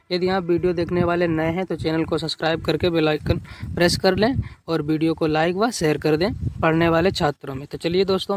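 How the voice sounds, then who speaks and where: A man's voice: on the high side, slight background noise. A man teaching children to read, sounding out each word letter by letter, then saying it whole, and asking and answering his own questions. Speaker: Hindi reading teacher. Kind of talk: spelled-out reading lesson for children.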